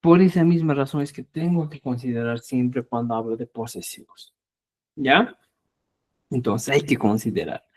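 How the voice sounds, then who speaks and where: A man's voice: mid-range voice, moderate pace, a little mellow. A middle-aged man teaching a live online language class. He explains patiently and keeps checking that students follow. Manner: patient, repetitive, checks understanding with frequent "ya?".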